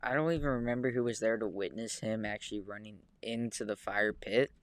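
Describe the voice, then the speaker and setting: A man's voice: lowish voice, fairly quick, clean tone, no echo. A young man in a casual chat with his sister, laid-back, with many short agreeing replies. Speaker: podcast co-host.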